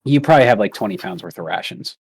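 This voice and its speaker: A man's voice: lowish voice, expressive, fast, slightly rough. A man running a tabletop game as game master, narrating loosely and casually with some swearing.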